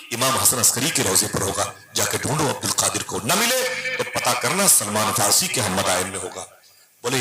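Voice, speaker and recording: A male preacher with an Urdu-inflected Hindustani accent tells a story from a stage, voicing each speaker in turn and climbing to high, emphatic lines. His mid-pitched voice carries through a microphone into a large gathering. The public-address sound rings with heavy echo. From northern India. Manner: dramatic, acts out dialogue, rising to high emphatic lines. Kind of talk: storytelling sermon.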